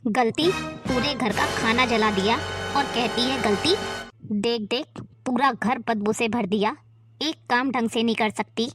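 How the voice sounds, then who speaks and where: A woman's voice: on the high side, measured pace, a bit bright, faint music behind. A woman playing a harsh, domineering sister-in-law who barks orders and scolds. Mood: furious. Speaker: performer in a family skit. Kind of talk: amateur family drama acting.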